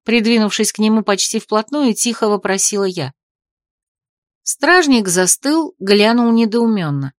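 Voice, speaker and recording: Lady reading a fantasy novel first person, kinda wry and expressive, dry close sound. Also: mid-range voice, unhurried, no room sound. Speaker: audiobook narrator.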